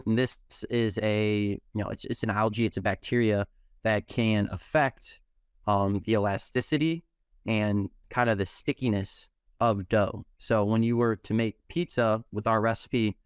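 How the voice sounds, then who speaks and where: A young man who runs a pizzeria explains how he works in a relaxed interview, pausing often on ums. His voice sits low and smooth, recorded dry and close. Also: no echo. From United States. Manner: steady, explanatory, frequent ums. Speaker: pizzeria owner. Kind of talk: casual interview answers.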